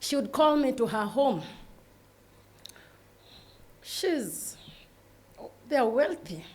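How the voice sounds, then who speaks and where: A woman who founded the foundation giving a speech at its event, emotional and holding back tears as she speaks haltingly and apologetically. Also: sits high, very animated, a little mellow.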